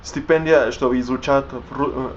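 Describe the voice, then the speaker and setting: A young language learner from a Spanish-speaking background vlogs off the cuff in his new language, breaking off and restarting words and using plenty of fillers while he hunts for them. His ordinary mid-pitched voice keeps a steady tone over a slightly dull, lo-fi recording with faint hiss.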